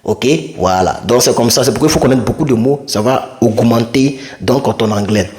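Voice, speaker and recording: A man's voice: medium pitch, normal speed, a little mellow. A man teaching vocabulary in a casual, chatty way, repeating words and correcting himself as he goes. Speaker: English teacher.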